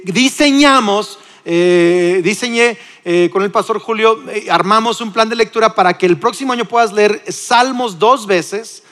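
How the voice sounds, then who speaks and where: A man in his forties with a Mexican accent, preaching a sermon in a lively, conversational way with frequent restarts. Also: sits high, in a large hall. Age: 40s. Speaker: pastor. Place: church.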